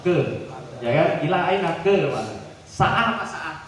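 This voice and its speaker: Male seminar speaker, Javanese accent, slightly high voice, playful and animated, miked from afar in a reverberant hall. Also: normal speed. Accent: Javanese-tinged Indonesian. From Central Java, Indonesia. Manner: joking, animated, drops into playful mock dialogues. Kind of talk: lively seminar talk. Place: large hall at a boarding school. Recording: echoey hall recorded from far off.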